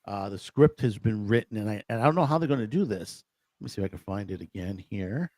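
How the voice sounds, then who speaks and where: A man's voice: on the low side, animated, fast talker, a little mellow, no echo. A man hosting a casual online show, rambling and restarting as he tells stories. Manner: rambling, restarts often, storytelling. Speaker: host. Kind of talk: casual podcast chat.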